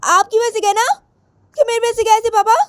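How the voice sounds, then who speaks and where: A woman's voice: very high-pitched, level tone, brisk, no echo, studio quality, voice pushed up. A woman voicing a defiant young woman who whines, argues back and repeats herself in a storybook tale. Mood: arguing. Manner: whiny, argumentative, repeats herself.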